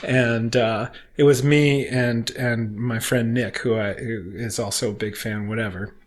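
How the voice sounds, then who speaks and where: A man's voice: medium pitch, fairly even intonation, measured pace. A man guesting on a podcast, telling long stories in a rambling way, laughing often and quoting people in voices. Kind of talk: casual storytelling chat.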